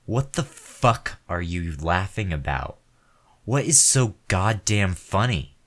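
In a one-sided audio roleplay, a man plays a crude, hot-tempered character with a low, heavy, breathy-edged voice, delivering lines slowly and deliberately in a heavily acted style. He snarls and curses almost constantly, though his bluster can collapse into frightened pleading.

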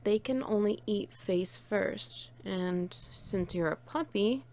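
A woman's voice: mid-range voice, slow pace, darkish tone. A woman playing a playful, teasing, bossy friend in an intimate one-sided audio role-play, coaxing and doting on the listener. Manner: teasing, coaxing, cooing praise.

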